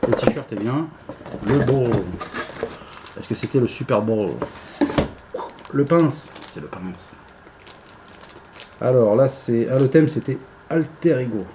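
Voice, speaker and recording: A man's voice: medium pitch, lively intonation, takes it slowly, long pauses, noisy background. A man giving casual unboxing commentary, rambling and hesitant with many fillers. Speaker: unboxing vlogger.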